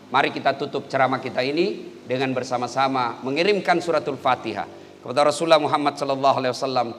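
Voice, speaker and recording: A middle-aged man preaching a sermon in a large hall, swinging between loud exclamations and low murmured prayers. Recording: long hall reverb.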